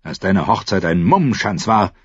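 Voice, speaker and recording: A man voicing a stern, grim nobleman in a low, clipped, severe voice. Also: animated, a little slow, husky, no room sound, dull audio, heavily acted. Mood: cold. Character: stern, grim older nobleman, cold and rigid.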